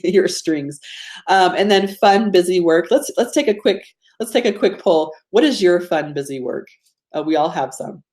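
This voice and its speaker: With a lowish, darkish voice and a Georgia Southern accent, this woman leads an informal, interactive webinar on productivity. She's chatty and self-deprecating, frequently checking in with her audience during the live training.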